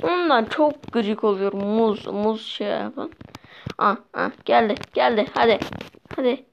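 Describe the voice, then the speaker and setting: A young woman with a highish, gravelly voice talks at a measured pace while playing a mobile game for her viewers. She's chatty and quick to get exasperated. The recording is dull and lo-fi, with faint noise.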